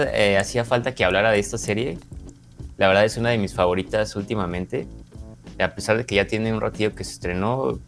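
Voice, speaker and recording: A man with a Mexican accent co-hosts a podcast and reviews a series in a casual, informal way. His voice is fairly low with a fairly bright tone, and he often rephrases things as he explains them.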